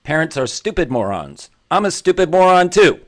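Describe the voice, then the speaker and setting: A male commentary-show host whose voice sits slightly high for a man delivers an opinionated monologue at a moderate, sing-song pace. His style is emphatic and preachy, driving every point home through repetition. He's blunt with everyone, himself included, and freely pokes fun at his own expense.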